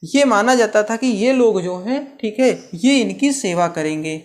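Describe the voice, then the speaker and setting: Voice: mid-range voice, expressive, a little slow. A teacher works through an exam-prep history lesson, posing a question and then answering it. Key terms are explained with homely comparisons, and "theek hai" keeps coming back as a check-in. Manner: asks rhetorical questions and answers them.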